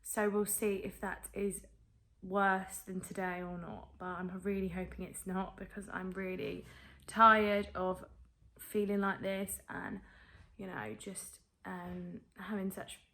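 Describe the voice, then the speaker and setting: A woman's voice: medium pitch, steady tone, takes it slowly, bright, forceful tone. A woman vlogger giving a casual video diary, talking carefully and subdued with a thick voice from a sore, swollen throat after tonsil surgery.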